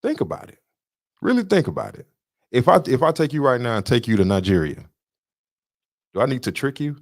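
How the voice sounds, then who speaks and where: A man's voice: mid-range voice, big pitch swings, fairly quick, no echo, clean studio sound. A man co-hosting a podcast, lecturing emphatically in casual political talk and repeating his points. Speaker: podcast co-host. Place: studio booth.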